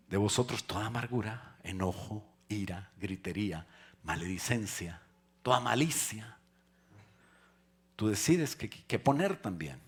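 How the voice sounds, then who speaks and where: This pastor's voice is husky and pitched fairly low. His sermon is relaxed and conversational, with humor for the congregation followed by loud, climbing emphasis to press each point.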